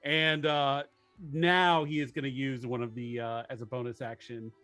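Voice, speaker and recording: A man's voice: medium pitch, flat delivery, normal speed, sharp tone, faint music behind. A man chatting casually as a tabletop game player, joking and muttering through his numbers.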